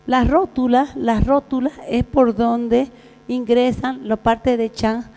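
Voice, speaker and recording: A Bolivian woman, a veterinary surgeon, giving a conference lecture in a large hall, talking haltingly with frequent fillers and restarts. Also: on the high side, fairly even intonation, warm tone. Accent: Bolivian Spanish. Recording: reverberant hall with mains hum.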